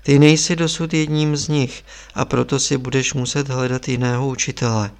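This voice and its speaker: A grave old abbot, calm and wise, teaching in slow, measured sentences, as a male reader puts him on. The voice is smooth and resonant, with a gravelly fry at the ends of phrases. This is an audiobook reading. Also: medium pitch, lightly acted. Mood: sad, stern.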